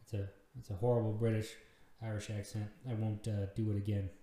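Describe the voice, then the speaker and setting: A man's voice: fairly low pitch, little pitch movement, fairly quick, warm tone. A man in his thirties hosting a casual solo podcast, rambling and self-deprecating, swearing freely. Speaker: podcast host. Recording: very echoey room.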